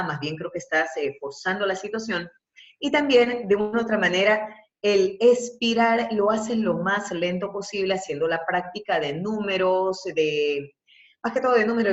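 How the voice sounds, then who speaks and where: A university professor and voice coach with an Ecuadorian accent leads breathing and vocal exercises in an online webinar, explaining things emphatically. Her voice sits at a medium pitch, and the webinar audio comes through muffled and echoey.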